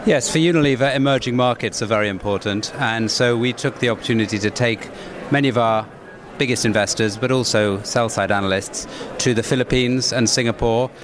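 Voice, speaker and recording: Male corporate interviewee, mid-pitched, measured and businesslike, recorded over busy event chatter. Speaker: investor relations executive, interviewee. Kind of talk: interview answers, corporate explanation. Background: crowd noise.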